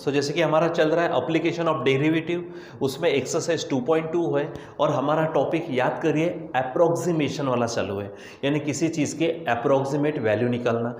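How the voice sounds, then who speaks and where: A man's voice: fairly high pitch, fairly even intonation, moderate pace. A man teaching a maths lesson, walking his students through each step and repeating the values aloud. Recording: echoey room with faint noise.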